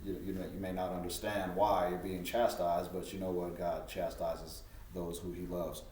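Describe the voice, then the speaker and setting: A man hosting a heartfelt conversation, speaking earnestly and reflectively with soft laughs. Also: low voice, little pitch movement, moderate pace, a little hiss or hum. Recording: roomy sound from a distant mic.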